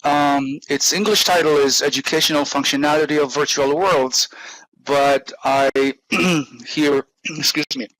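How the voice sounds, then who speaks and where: Polish man, halting lecturer clearing his throat. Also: fairly high pitch, fairly even intonation, fairly bright tone, no echo, low-quality recording. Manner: halting, with frequent throat-clearing and grunting noises. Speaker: university lecturer, conference speaker. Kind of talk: academic conference presentation. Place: online talk given inside a virtual world.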